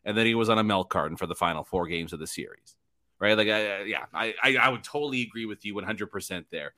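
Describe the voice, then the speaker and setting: Bright-voiced joking man. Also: fairly low pitch. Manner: joking, teasing, laughs often, halting restarts. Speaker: podcast co-host. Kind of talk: casual sports chat.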